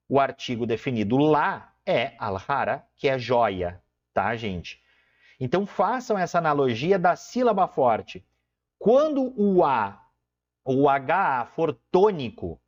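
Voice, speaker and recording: A man teaching an exam-prep Spanish lesson, explaining step by step and checking in with the viewer after each point. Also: on the high side. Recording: dull lo-fi sound.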